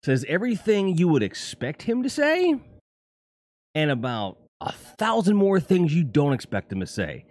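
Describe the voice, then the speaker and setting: This middle-aged livestream host speaks at a normal speed in a slightly mellow, fairly high voice with huge swings in pitch. In a casual chat, he addresses viewers profanely and ramblingly, often correcting himself.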